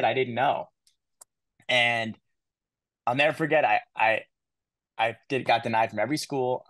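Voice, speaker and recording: A man in his thirties, a guest in an interview, telling his story in an animated way, restarting and quoting others. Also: medium pitch, no room sound. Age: 30s. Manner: animated, repeats words, quotes people in his story. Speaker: guest speaker.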